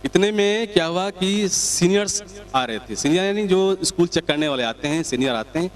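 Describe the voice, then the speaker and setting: A male comedian telling a comic story in a chatty, lively way with asides to the audience. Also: high voice, moderate pace.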